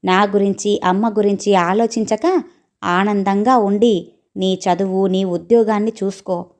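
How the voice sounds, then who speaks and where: A woman's voice: mid-range voice, steady tone, measured pace, darkish tone, close to an everyday voice. A woman playing a stern, brusque old father. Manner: firm, brusque. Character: aging father, stubborn and proud.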